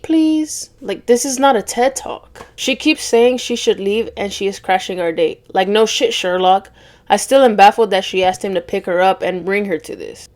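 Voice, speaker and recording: A woman's voice: mid-range voice, a little mellow. A woman reading online stories aloud as a storytime host, breaking in with blunt, sarcastic asides.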